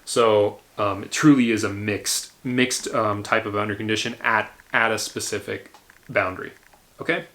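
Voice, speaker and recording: A man's voice: on the low side, steady tone, moderate pace, a bit bright. A man lecturing a university engineering class, explaining step by step with frequent fillers and restarts.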